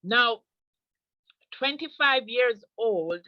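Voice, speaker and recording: Woman interviewer, recaps the guest's answers, fairly high voice, dry dull audio. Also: expressive, extremely slow, no room sound. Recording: dull lo-fi sound.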